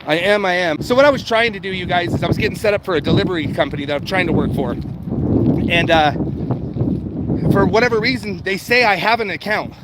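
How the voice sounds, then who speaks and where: His voice sits high and moves fairly quickly as he chats informally with viewers on a livestream. Now and then he swears, always speaking to them directly, against a loud backdrop of street traffic.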